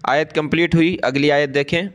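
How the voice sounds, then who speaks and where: A man teaching Quran reading, spelling each word out letter by letter and then reciting it slowly and drawn out. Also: on the high side, steady tone.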